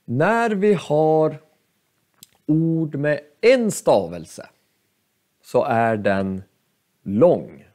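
Male language teacher with a lively, up-and-down delivery, slow and patient, repeating example words for students. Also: a little high. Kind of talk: explaining pronunciation lesson.

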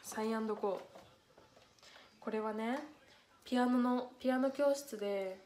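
A woman's voice: fairly high pitch, normal speed, a little mellow. A young woman chatting on a solo livestream, reading letters aloud and getting close to tears. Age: young adult. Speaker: livestream idol host. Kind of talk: casual solo livestream chat. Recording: echoey room with faint noise.

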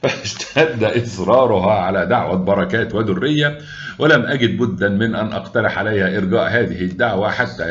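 A man with an Egyptian accent narrating a story aloud in a wry, unhurried way. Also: fairly low pitch, highs cut off. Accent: Egyptian Arabic.

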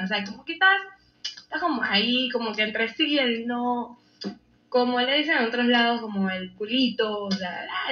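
A woman's voice: a little high, roomy sound, lo-fi sound. Playful Panamanian woman explaining slang. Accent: Panamanian Spanish. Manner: playful, laughing often, acting out quoted phrases. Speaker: reality show contestant. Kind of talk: casual slang lesson to camera. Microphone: lapel mic.

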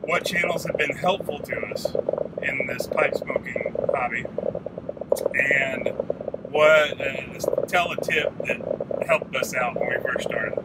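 A man in his thirties giving a rambling, relaxed video reply from inside a pickup truck, stopping now and then to puff on a pipe. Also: mid-range voice, creaky. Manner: rambling, relaxed, with restarts and drawn-out pauses; talks while smoking a pipe. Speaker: vlogger. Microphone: phone or camera mounted on the dashboard. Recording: loud road and engine noise.

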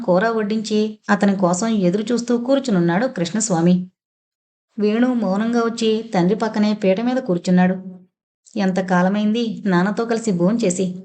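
Female audiobook narrator, steady expressive storytelling, mid-range pitch.

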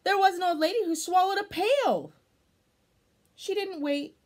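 This woman in her thirties has a very high voice and reads a children's picture book at a measured pace. Her reading is expressive, dotted with exclamations and conversational explanations.

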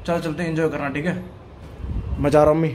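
Out on a crowded city street, a young man from India vlogs on his phone, talking quickly in a fairly high, level voice. Chatty, he addresses his viewers as brother and has to shout as people push past, the street and crowd noise loud.

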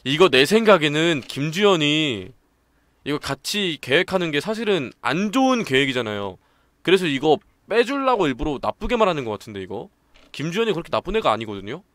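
A man's voice: a little high, big pitch swings, brisk, fairly bright tone, no echo. A young man streaming a horror game, chatting and reacting aloud as he plays. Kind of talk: let's play commentary.

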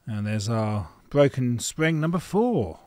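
A man's voice: mid-range voice, sing-song, slow, mellow. A middle-aged man, talking casually and frankly as he works on a car in an indoor garage, thinking aloud with fillers. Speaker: home mechanic. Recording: faint noise and tool clicks.

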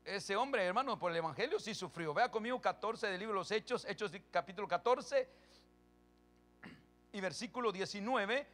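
Faint music plays behind a high-voiced man preaching as pastor. His calm reading of Bible verses gives way to loud, forceful preaching punctuated by quick questions to the congregation.

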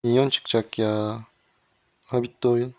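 A man's voice: mid-range voice, little pitch movement, a little slow, no room sound, lo-fi sound. A man streaming a mobile game, commenting live and getting exasperated with his teammates.

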